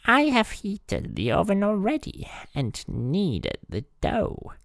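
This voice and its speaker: Creaky, scolding old witch, as a man puts her on. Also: sits high, wildly swooping pitch, takes it slowly, dry recording, studio quality, pitched above the performer's own voice, heavily acted. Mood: menacing. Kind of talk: bedtime story reading.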